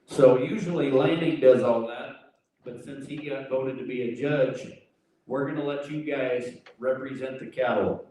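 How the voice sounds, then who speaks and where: A man's voice: mid-range voice, a little slow, dark tone. An American man giving informal spoken instructions in a plainspoken, folksy way. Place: livestock sale arena. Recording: very echoey hall, distant voice.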